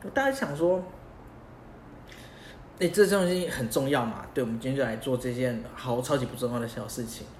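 A man's voice: medium pitch, brisk, long pauses. A young man hosting a podcast. He talks casually and animatedly, firing off rhetorical questions. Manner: animated, asks many rhetorical questions, chuckles at himself. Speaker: podcast host. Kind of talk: casual explanatory podcast monologue. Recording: roomy echo, faint background hiss.

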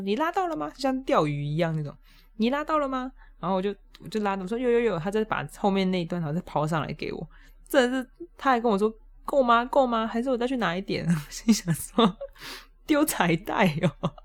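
A woman, hosting a podcast and telling a funny story in a casual, animated way, often laughing and jumping up high when exasperated. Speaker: podcast host.

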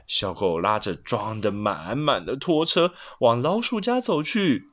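A man's voice: medium pitch, animated, measured pace. A man reading a bedtime story to his child, playfully asking questions along the way. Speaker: father telling a bedtime story.

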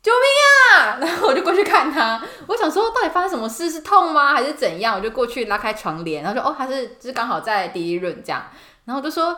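A woman's voice: high voice, big pitch swings, fast, bright, forceful tone, roomy sound. A woman nurse hosting a casual chat, telling work stories with lots of laughter and acted-out voices. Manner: giggly, acts out patients' voices. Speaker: podcast host, nurse.

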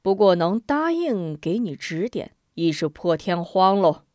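A woman's voice: on the low side, sing-song, unhurried, a little mellow, no echo, clean studio sound. A woman voicing a genial old Shaolin abbot. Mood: amused. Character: elderly male Shaolin abbot, genial, wise. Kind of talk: storytelling.

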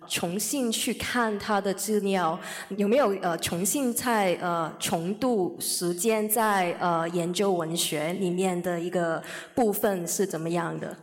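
A woman's voice: medium pitch, a little slow. Hesitant woman moderator in an echoing hall. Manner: hesitant, with many filler sounds. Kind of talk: asking questions at a public talk. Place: university lecture hall. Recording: long reverb of a large hall.

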